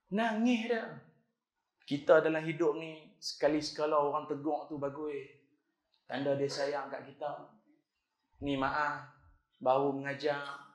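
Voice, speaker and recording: A middle-aged man with a northern Malaysian Kedah accent, giving an animated, jokey mosque lecture and acting out the voices in his stories. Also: a little high, roomy sound. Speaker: preacher. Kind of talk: lively mosque lecture with storytelling.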